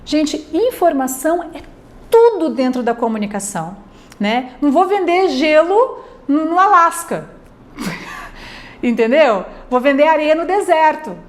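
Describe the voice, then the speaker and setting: A woman's voice: high voice, big pitch swings, a little slow. A Brazilian woman teaching a class in a conversational way, checking in with her students often and acting out little examples. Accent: Brazilian Portuguese. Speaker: lecturer. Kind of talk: recorded online class lecture.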